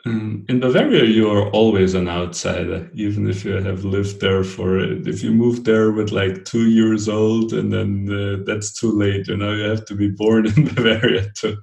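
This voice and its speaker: A Brazilian-born man raised in Portugal and Germany, talking as a podcast guest, halting and full of restarts. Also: on the low side, steady tone, creaky, a little mellow, echoey room, low-quality recording. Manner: halting, many restarts and fillers, laughs lightly. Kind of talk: conversational interview answers.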